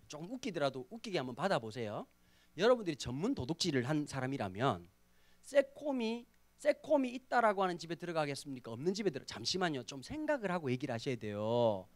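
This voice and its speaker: Animated male preacher with lively pitch. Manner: animated, rhetorical questions to the congregation. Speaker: pastor. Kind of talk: youth sermon. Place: church service.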